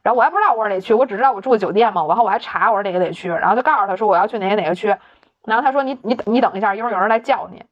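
A woman's voice: mid-range voice, very fast, lo-fi sound. A woman telling a story in casual chat, laughing often, swearing casually and acting out the dialogue. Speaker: podcast co-host.

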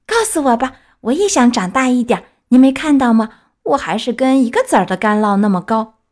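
A woman voicing an eager, excitable wooden puppet boy in a children's story reading, high and pleading. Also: fairly quick.

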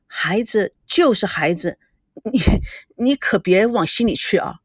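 A woman's voice: mid-range voice, lively intonation, measured pace, slightly rough, dry recording, studio quality. A woman playing a stern, exasperated older brother. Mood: soothing. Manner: scolding, then placating.

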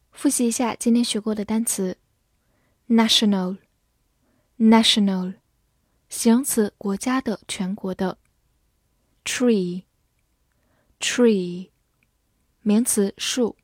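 A woman teaching English vocabulary, spelling words out letter by letter and reading example sentences slowly. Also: mid-range voice, a little mellow, no room sound, studio quality. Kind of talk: slow, clear vocabulary lesson.

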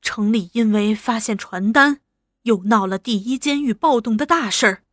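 Lady doing a jittery fawning guy, low and hushed, begging, dry close sound. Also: normal speed, dry recording, lightly acted. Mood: anxious pleading. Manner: hushed, lowered, pleading voice. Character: anxious, fawning middle-aged man pleading in secret.

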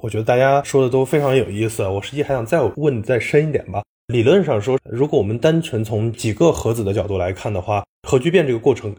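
Mellow-voiced male podcast host. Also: lowish voice, husky. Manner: thoughtful, long probing questions. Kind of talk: interview questions.

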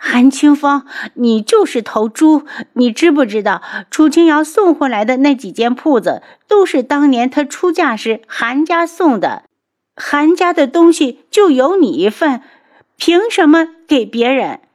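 A shrill, quarrelsome young wife, as a woman narrator puts her on, scolding hard in a high, loud voice. Her tone stays raised and demanding, pitched well above an ordinary speaking voice. It is storybook acting from a single reader. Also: big pitch swings, measured pace. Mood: angry, shrill.

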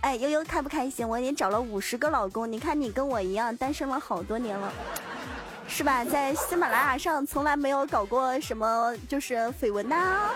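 Teasing female co-host, high voice, clear music bed. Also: animated, normal speed. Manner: teasing, exclaiming, laughing. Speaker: livestream co-host. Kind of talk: casual livestream chat.

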